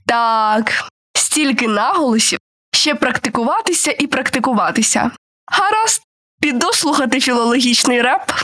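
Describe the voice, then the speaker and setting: A woman's voice: high voice, lively intonation, normal speed, fairly bright tone. Woman radio host running a word quiz. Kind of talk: language quiz chat.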